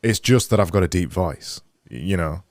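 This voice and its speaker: Hosting a casual video-call interview for his podcast, an English man in his thirties with a Yorkshire accent speaks from a home studio room into a boom-arm studio mic, wearing headphones. His deep voice is animated yet soft, with frequent stumbles and repeated words, and the sound has no echo.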